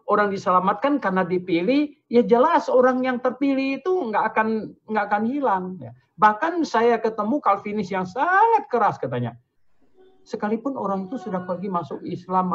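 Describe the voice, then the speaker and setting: An older man, an invited pastor, explaining doctrine in a question-and-answer session, animated and chuckling, with swings of pitch. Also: muffled recording, a little hiss or hum. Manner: animated, chuckling, pitch rising and falling widely.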